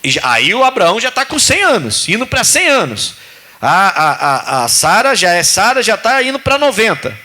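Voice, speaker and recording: Man, pastor preaching, high bright voice, swinging pitch. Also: moderate pace. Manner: lively preaching, acts out biblical voices. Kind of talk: sermon.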